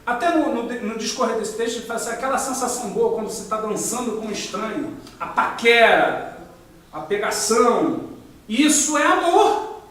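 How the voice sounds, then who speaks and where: A man's voice: very high voice, lively intonation, normal speed, fairly bright tone. A Brazilian man leading a spiritist study group, explaining ideas with frequent rhetorical questions and a habitual "né?". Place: meeting room of a study group. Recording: echoey room, distant mic.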